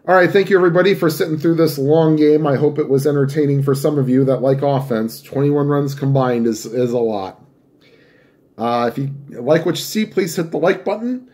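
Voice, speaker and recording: A man hosting his own channel, signing off to viewers in a relaxed, unhurried way, his voice nasal as he gets over an illness. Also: mid-range voice. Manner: relaxed, unhurried, with small restarts. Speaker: channel host. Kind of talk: casual sign-off to viewers.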